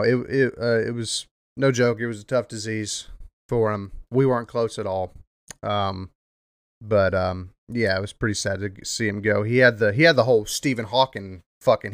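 A man's voice: on the low side, dry recording, clean studio sound. A young man hosting a podcast, talking casually in a rambling, profane way with lots of "um" fillers. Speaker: podcast host. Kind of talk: casual monologue.

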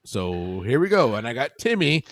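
A man's voice: mid-range voice, sing-song, moderate pace, no echo, clean studio sound. A man co-hosting a podcast in casual chat, laid-back and swearing casually. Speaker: podcast co-host. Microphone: video call.

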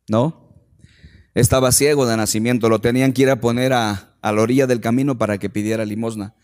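A man's voice: mid-range voice, a little mellow. A man preaching a sermon and putting emphatic rhetorical questions to the congregation in a church hall. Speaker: pastor. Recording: long hall reverb.

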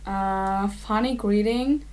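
A woman from Los Angeles co-hosting a podcast, cheery and quick to laugh during a word game. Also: medium pitch, darkish tone, clean tone. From Los Angeles, California. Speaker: podcast co-host. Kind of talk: casual game chat.

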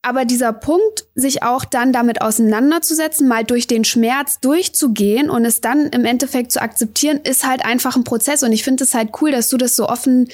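A woman's voice: fairly high pitch, fairly quick, hardly any pauses, no echo. Encouraging German woman in a dry studio. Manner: warm, encouraging questions with many fillers. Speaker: podcast co-host. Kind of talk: casual interview chat.

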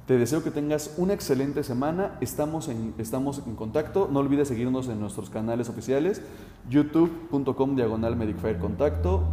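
A man who is a safety instructor, giving a direct, instructive talk to the listener, often pausing on 'eh'. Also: medium pitch, dark tone, slight background noise. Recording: roomy with long reverb.

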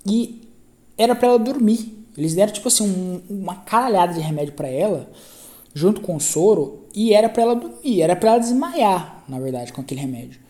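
Rambling Brazilian man, mellow voice. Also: high voice, animated, a little fast. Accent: Brazilian Portuguese. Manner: rambling, self-correcting, repeats phrases, slangy. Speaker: podcast host. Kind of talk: casual podcast storytelling monologue.

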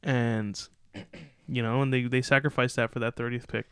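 A man's voice: mid-range voice, flat delivery, moderate pace, fairly bright tone, clean tone, no room sound, studio quality. A man co-hosting a casual sports podcast, reading out draft picks and giving loose, opinionated takes. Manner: opinionated, loose, reads out picks then riffs. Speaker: podcast co-host.

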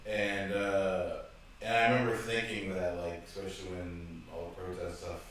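A man with a very low voice talks in relaxed, reflective casual chat. He sits far from the mic in a very roomy space, with faint noise in the background. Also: normal speed. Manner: relaxed, reflective, frequent fillers.

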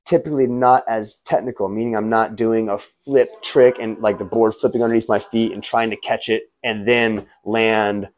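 Bro-talking man, casual and low-pitched. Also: steady tone, moderate pace, few pauses. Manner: laid-back frat-bro slang, peppered with "man", "bro" and "you know". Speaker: guest, martial arts instructor and skateboarder. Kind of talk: casual chat, telling stories.

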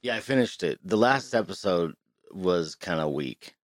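A man's voice: low-pitched, expressive, normal speed, dry recording, studio quality. A man co-hosting a podcast, chatting casually and swearing freely with many restarts, recorded inside a small closet. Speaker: podcast co-host. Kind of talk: casual chat.

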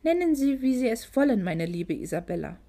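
A woman's voice: fairly high pitch, sing-song, a little fast, mellow. Woman doing a smug, oily male loan shark. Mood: scornful. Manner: oily, condescending, mock-polite. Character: smug greedy male moneylender, fake-sweet.

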